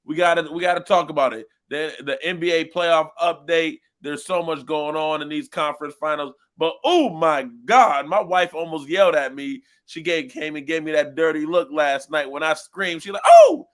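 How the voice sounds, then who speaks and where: A man hosting a live sports talk show in a studio, animated and hyped, with loud exclamations. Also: fairly high pitch, moderate pace, few pauses. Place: small studio.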